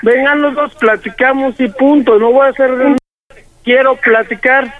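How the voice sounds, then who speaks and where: A middle-aged Mexican woman speaks sternly and insistently, scolding without pause. Her voice sits unusually low for a woman. It comes through a tinny phone line. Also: steady tone. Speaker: prank call target, mother. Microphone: telephone.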